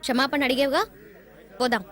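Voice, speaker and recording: A woman's voice: high-pitched, fairly even intonation, a little fast, fairly bright tone, some chatter behind. An actress playing a headstrong young woman who talks back defiantly in a dubbed film. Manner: defiant and scolding.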